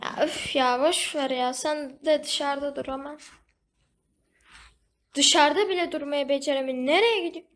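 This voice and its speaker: A woman's voice: high-pitched, unhurried, long pauses, fairly bright tone. A woman giving casual, chatty commentary over her gameplay, talking to the game animal and to her viewers. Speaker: gaming video host.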